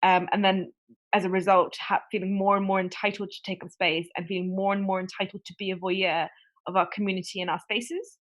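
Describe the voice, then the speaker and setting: A woman's voice: mid-range voice, flat delivery, a little fast. A woman speaking on a video call, an activist in a livestream discussion who talks earnestly with many fillers. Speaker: panel guest.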